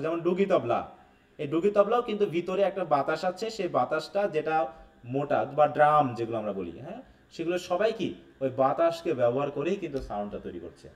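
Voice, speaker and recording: A man's voice: on the high side, distant mic. A man teaching a live class, often checking in with students and using English terms. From Bangladesh. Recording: echoey room, away from the mic.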